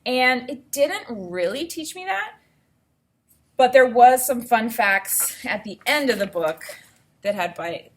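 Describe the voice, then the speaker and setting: With her medium pitch, the teacher guides children through a read-aloud, explaining each step and voicing her thoughts along the way. She's an elementary school teacher speaking instructively.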